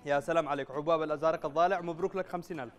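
Male quiz host and prize announcer, Yemeni accent, high voice, very quick delivery. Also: steady tone, faint music behind. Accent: Yemeni Arabic. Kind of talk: live call-in quiz presenting with prize announcements. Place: TV studio.

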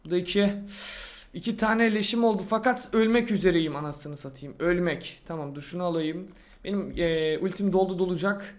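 A young man with a high voice talks through his gameplay in a loose, excitable way. He talks to himself as he plays and brags in slangy speech. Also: moderate pace. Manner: slangy and boastful. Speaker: gaming YouTuber. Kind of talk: casual gameplay commentary.

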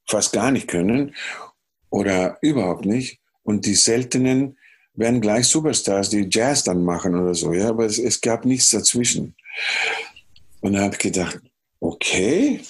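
A man from Chile with a Chilean Spanish accent, a music producer telling animated stories in a podcast interview, humming melodies and acting out dialogue. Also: fairly low pitch, unhurried, slightly rough. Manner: animated storyteller who hums melodies and acts out dialogue. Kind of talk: casual podcast interview storytelling.

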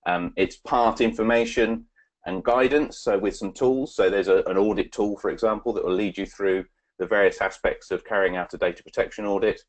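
A man giving a webinar presentation and answering questions, halting with many fillers and restarts. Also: fairly low pitch, fairly even intonation.

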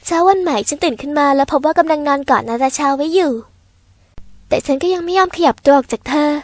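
High-voiced woman narrating a story. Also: fast talker, no room sound. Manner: gentle, polite storytelling. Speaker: audio novel reader. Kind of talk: scripted first-person story narration.

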